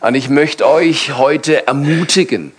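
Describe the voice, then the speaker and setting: A man leading a church panel as pastor, calmly encouraging and exhorting the congregation in sermon style. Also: on the high side, slow pace, husky.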